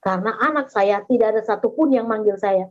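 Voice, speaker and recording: A middle-aged woman pastor giving a sermon over a video call, animated storytelling that acts out the voices in her stories. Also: medium pitch, fairly quick. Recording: dull lo-fi video call audio.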